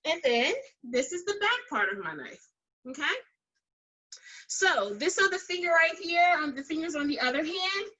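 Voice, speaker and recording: A woman's voice: high voice, lively intonation, moderate pace, pushed and bright, lo-fi sound. A woman cooking teacher giving children a step-by-step demonstration in an instructive, encouraging way, repeating key phrases. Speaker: kids' cooking school teacher and host.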